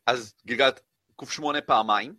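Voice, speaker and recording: A man running a tabletop game as game master, narrating with many fillers and lively storytelling. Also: medium pitch, no room sound, clean studio sound.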